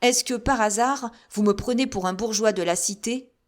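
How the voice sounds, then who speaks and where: A woman voicing a stern male general with calm authority, scolding his soldiers with rhetorical reproaches. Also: on the high side, normal speed, pitched above the performer's own voice, lightly acted. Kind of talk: audiobook character reading.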